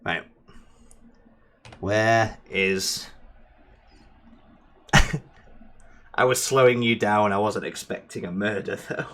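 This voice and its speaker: A man's voice: on the low side, slow pace, pauses often, fairly bright tone. A man streaming a truck driving game, chatting casually and teasing his co-player, sometimes breaking into silly sing-song noises. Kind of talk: casual gameplay chat with a co-player.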